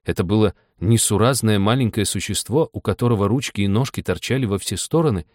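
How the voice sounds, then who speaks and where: A man's voice: on the low side, fairly quick, a little mellow, no room sound. Man narrating a storybook, dry sound. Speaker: audiobook narrator. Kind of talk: scripted narration.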